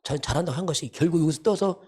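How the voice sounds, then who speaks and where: A man's voice: a little high, racing, a little mellow, slightly rough. A man preaching a sermon as pastor, emphatic and repetitive, often asking rhetorical questions. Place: church sanctuary.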